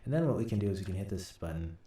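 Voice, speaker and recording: This is an informal walkthrough of software by a deep-voiced man, an audio drama sound designer acting as host, who talks through his steps hesitantly but expressively. Recorded indoors at a computer, the audio is roomy and a little off-mic with a soft, dark tone, plus keyboard taps, mouse clicks and low noise.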